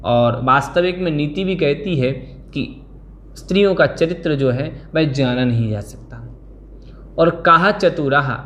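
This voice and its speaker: High-voiced man teaching verses. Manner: slow syllable-by-syllable recitation of verses. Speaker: Sanskrit scripture teacher. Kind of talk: online class lesson.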